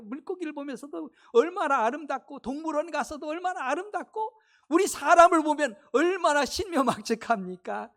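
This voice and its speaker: A man delivering a sermon in a church sanctuary. He talks to his congregation conversationally and keeps asking them rhetorical questions. His volume swings widely, from loud exclamations down to quiet, hushed asides. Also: extremely high pitch, gravelly. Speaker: pastor.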